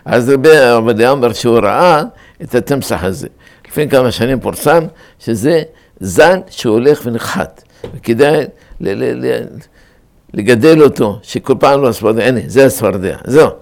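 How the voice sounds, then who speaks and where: A man's voice: mid-range voice, lively intonation, creaky, darkish tone. Man teaching a Torah class. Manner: explains Hebrew grammar, repeats words to stress them.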